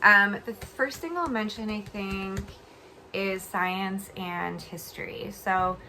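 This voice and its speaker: A woman's voice: medium pitch, takes it slowly, bright, forceful tone, a little hiss or hum. A young adult woman chatting casually in a giggly, rambling vlog style, her speech slightly slurred and funny from a swollen mouth after oral surgery. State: recovering from oral surgery, talking a bit funny. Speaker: homeschool vlogger. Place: bed at home.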